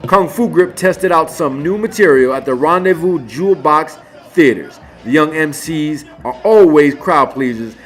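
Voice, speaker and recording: A man's voice: fairly high pitch, lively intonation, moderate pace. A man giving scripted, upbeat news narration as host of a local music show, speaking over a voice-over.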